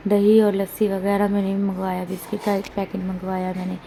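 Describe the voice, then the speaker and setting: A woman from India talks straight to the camera in a casual home vlog, unwell and in pain. Her delivery is flat and complaining, with little rise and fall. An air conditioner hums loudly through the room behind her. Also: medium pitch, a little fast, creaky, a little hiss or hum, rough recording. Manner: plain, complaining, straight-talking. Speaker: vlogger.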